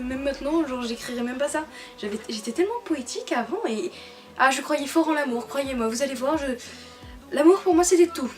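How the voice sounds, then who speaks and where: Chatty high-voiced young woman. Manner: chatty, laughing, many fillers and restarts. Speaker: YouTuber. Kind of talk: casual vlog chat. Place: her bedroom, sitting on her bed. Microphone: camera on a tripod.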